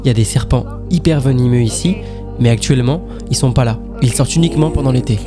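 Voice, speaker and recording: A man's voice: medium pitch, fast talker. A man narrating his own travel vlog in a punchy, casual way full of slang. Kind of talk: voice-over narration. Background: music.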